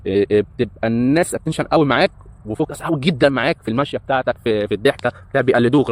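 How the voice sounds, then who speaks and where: In a casual monologue about his life, a man in his thirties who is a breakdancer and hotel entertainer rambles along with many hesitant fillers. He has an Egyptian Arabic accent and a mid-range voice.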